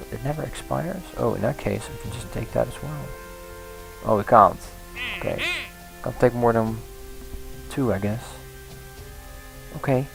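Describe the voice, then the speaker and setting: A man's voice: mid-range voice, gravelly, a bit bright, low-quality recording. A man casually commenting on a game he is playing, thinking aloud with frequent restarts and small laughs. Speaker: let's play host.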